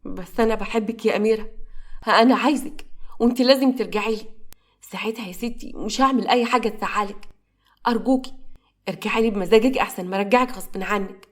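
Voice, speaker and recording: A woman's voice: medium pitch, quick pace, close to an everyday voice. A woman voicing Hazem, a possessive Egyptian ex-husband. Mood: pleading. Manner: pleading, menacing. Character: possessive ex-husband Hazem, pleading then threatening man.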